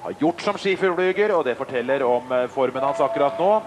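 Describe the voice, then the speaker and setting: A man's voice: mid-range voice, lively intonation. A man giving live sports commentary as the lead commentator on a ski flying broadcast. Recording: clear noise behind the voice.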